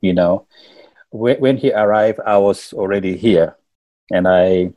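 A deep, dark-toned male voice belongs to a Senegalese musician whose first language is Wolof. Speaking with a Senegalese accent as a guest in a casual interview, he tells stories, halting and repeating words.

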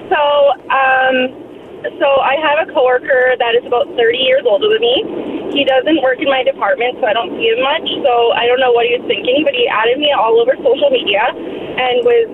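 A high-voiced woman calls in from her car on a Bluetooth speakerphone. The line is thin and phone-like, with road noise clearly underneath. She talks casually and chattily, with lots of fillers and a slightly uneasy edge. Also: brisk. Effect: car speakerphone over Bluetooth. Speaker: caller. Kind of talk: casual storytelling on a call-in. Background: vehicle noise.

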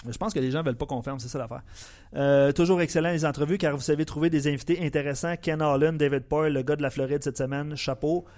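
A man with a Quebec French accent co-hosting a sports show, relaxed and matter-of-fact as he reads out listener comments. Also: a little high, fast talker. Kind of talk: casual chat, reading listener comments.

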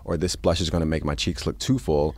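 Guy in his 30s, really low voice, talks fast, dry close sound, makeup artist on a podcast. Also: no room sound. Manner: animated storyteller, asks to be honest. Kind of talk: casual podcast chat.

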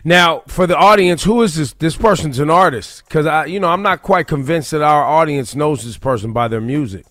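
A man's voice: on the high side, moderate pace, hardly any pauses, a bit bright, no echo. An American man hosting a radio show in casual, slangy, opinionated talk, repeating phrases for emphasis. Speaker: radio morning show host. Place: radio studio. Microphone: close studio broadcast microphone. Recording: dry studio sound over music bed.

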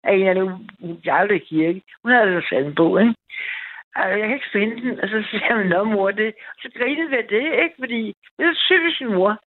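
A woman phoning into a night radio show tells a personal story, her expressive medium-pitched voice coming through a tinny line. She barely pauses, rambling eagerly with many restarts.

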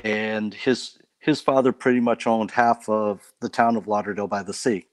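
A man from Canada, a guest on a faith talk show, telling stories about his life in a relaxed way with light laughs. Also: on the low side, moderate pace, no echo. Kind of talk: casual testimony interview.

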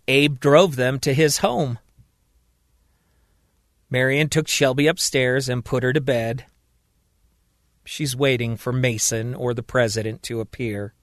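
A man narrating a story in a slow, even storytelling manner. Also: medium pitch, no room sound, clean studio sound. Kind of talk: scripted narration.

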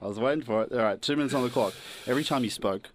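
A man's voice: mid-range voice, rapid-fire, a little hiss or hum. A man co-hosting a casual comedy podcast, joking and laughing often. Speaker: podcast co-host.

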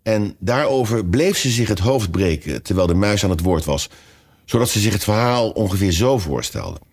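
A man reading a children's story aloud as narrator, with expressive storytelling. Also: on the low side, normal speed. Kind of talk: audiobook reading.

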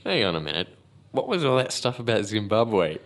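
A man's voice: lowish voice, sing-song, a little fast, slight background noise. A man, co-hosting a comedy podcast with dry, playful reactions. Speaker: podcast co-host. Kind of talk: casual comedic chat.

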